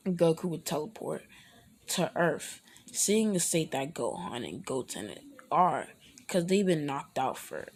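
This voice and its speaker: A woman's voice: low voice, darkish tone. A woman casually telling an improvised fan story, rambling, hesitant and correcting herself often.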